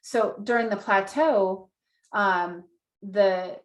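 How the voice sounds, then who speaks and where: A woman's voice: medium pitch, very slow. Earnest woman teaching a class, echoey room. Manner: earnest, repetitive, acts out inner voices. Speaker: Human Design teacher. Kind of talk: online class lecture.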